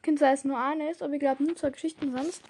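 A woman's voice: high-pitched, steady tone, quick pace, darkish tone. A woman chatting casually in an outro, rambling and correcting herself as she goes. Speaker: channel host.

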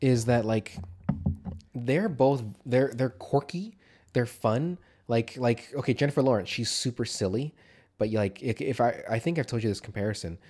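A man's voice: medium pitch, moderate pace, darkish tone. A man with a nasal voice chatting casually as the co-host of a movie podcast. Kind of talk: casual movie discussion, swearing.

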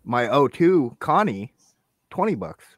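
A man in casual podcast chat who talks thoughtfully and in a measured way. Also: mid-range voice, sing-song.

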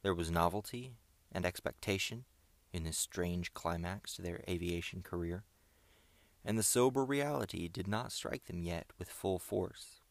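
Low creaky guy reading an old adventure book, dry close mic. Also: unhurried, no echo. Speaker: narrator. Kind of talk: audiobook narration.

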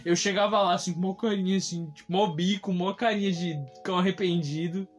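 A man's voice: high voice, fairly even intonation, fast, soft background music. Young Brazilian man telling a story. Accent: Brazilian Portuguese. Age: young adult. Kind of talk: casual storytelling.

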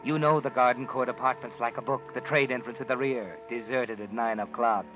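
A man's voice: mid-range voice, steady tone, close to an everyday voice. The Whistler, an ominous narrator, voiced by a man. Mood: brooding. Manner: ominous and measured. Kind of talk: second-person suspense narration. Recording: muffled old radio broadcast with music.

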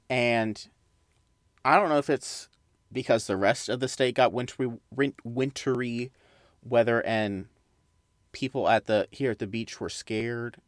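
A man's voice: medium pitch, no echo, clean studio sound. Rambling young male podcast host. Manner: rambling, with tangents and asides. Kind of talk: casual solo podcast chat.

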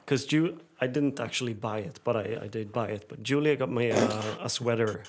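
A man's voice: medium pitch, a little fast, slight background noise. A man co-hosting a podcast, telling a rambling story and acting out phone calls in a raised voice. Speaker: podcast co-host. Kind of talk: casual chat.

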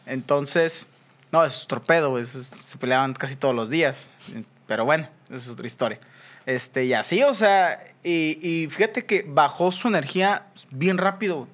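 Slangy Mexican man telling a story. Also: a little high. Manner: animated storytelling with heavy slang and swearing. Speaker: podcast co-host. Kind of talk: casual chat.

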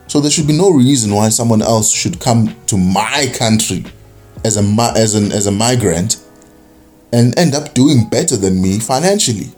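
Young South African man, lowish voice, casual rambling monologue with faint music under it. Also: moderate pace, darkish tone. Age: young adult. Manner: rambling, many fillers and restarts.

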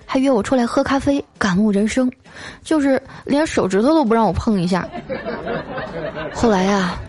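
Lively woman telling funny stories. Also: mid-range voice. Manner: lively, drawn-out "啊" fillers between phrases. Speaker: storyteller host. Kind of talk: scripted comic storytelling.

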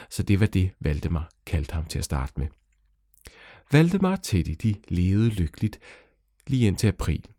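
Animated man telling a children's story. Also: no room sound, clean studio sound. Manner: lively, animated storytelling with sudden pitch jumps.

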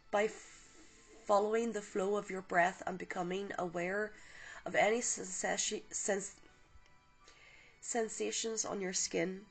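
A woman hosting a spiritual podcast, reading oracle cards and a guided meditation in a soft, gentle, unhurried voice. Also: mid-range voice, breathy edge, low-quality recording.

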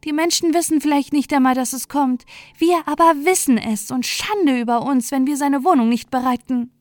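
A woman's voice: high voice, normal speed, dry recording, studio quality, voice pushed up, close to an everyday voice. A woman voicing an eager, fussy little queen wren bird in a storybook, fretting and scolding. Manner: fretful, excited, scolding. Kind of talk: storybook character voice.

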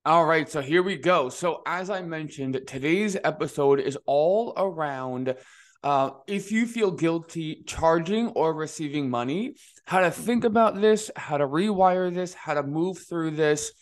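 A man's voice: on the high side, expressive, a little slow. A man hosting his own podcast as a money coach, talking eagerly and casually with a slight lisp and many fillers. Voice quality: slight lisp, slurred as if numbed.

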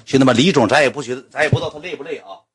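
A man's voice: medium pitch, racing, slight background noise. A man with a Northeastern Mandarin accent telling a comic story colloquially to his livestream viewers, speaking to them as brothers.

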